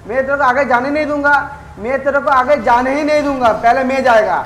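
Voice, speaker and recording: A man giving live gameplay commentary as a gaming YouTuber, excitable and trash-talking rivals with swearing. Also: extremely high pitch, a little fast, roomy sound, poor audio.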